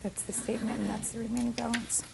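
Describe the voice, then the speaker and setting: A woman answers formally as a plaintiff in court. Her delivery is polite and precise with very little pitch movement, over slight background noise. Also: flat delivery, quick pace, vocal fry.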